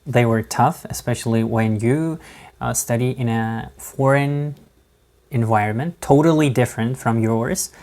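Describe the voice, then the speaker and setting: A male vlogger whose first language isn't English talks casually to the camera about his studies, speaking English with a non-native accent. His mid-range voice is a little mellow, and his delivery is halting, full of fillers and restarts, with laughs between words.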